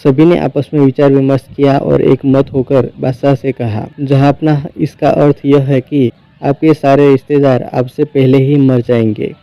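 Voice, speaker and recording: Man reading old court tales, steady and measured; dry, slightly muffled recording. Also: mid-range voice, creaky, no echo. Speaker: storyteller. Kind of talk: scripted narration of folk tales.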